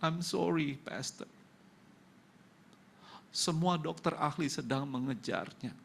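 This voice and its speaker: A man's voice: fairly high pitch, expressive, slow, gravelly, slight background noise. A male pastor with an Indonesian accent giving an emotional testimony sermon in church, acting out the dialogue of the people in his story.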